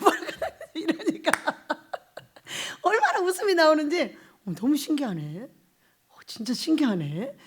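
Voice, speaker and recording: A woman pastor preaching a Sunday sermon at a prayer retreat, laughing often and asking the congregation questions as she goes. She jumps from loud exclamations down to low, quiet murmurs. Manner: animated preaching with frequent laughter and rhetorical questions.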